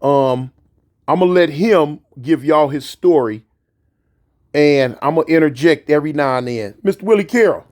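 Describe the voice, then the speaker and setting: A man's voice: on the high side, normal speed, darkish tone. A man hosting a casual live interview, emphatic and repeating points for stress. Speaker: interviewer, host.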